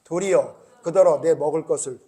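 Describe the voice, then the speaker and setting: A man's voice: a little high, moderate pace, mellow. A male pastor preaching a sermon, often asking the congregation questions and acting out the people in the parables. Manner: keeps quizzing the congregation with questions.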